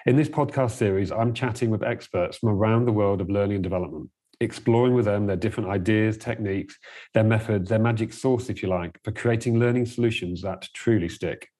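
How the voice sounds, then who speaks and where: A man's voice: lowish voice, a little fast, warm tone. A man with an English accent hosting a podcast interview, polite and slightly formal. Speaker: podcast host.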